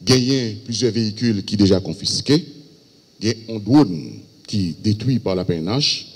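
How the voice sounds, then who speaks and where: A man's voice: on the low side, lively intonation, slightly rough. Haitian-accented police spokesman in echoey hall. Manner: halting, reading out a list of cases. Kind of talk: press briefing. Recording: echoey hall with long reverb.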